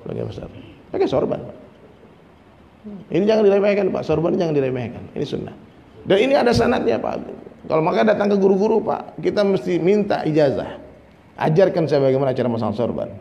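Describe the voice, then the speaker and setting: Male preacher, fairly high, chatty sermon style with jokes; reverberant hall. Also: very animated, fairly quick, vocal fry, dark tone, dull audio. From Minangkabau, West Sumatra. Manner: conversational preaching, keeps addressing listeners as "Pak", jokes and mimics people. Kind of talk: dawn sermon. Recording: faint noise, long hall reverb.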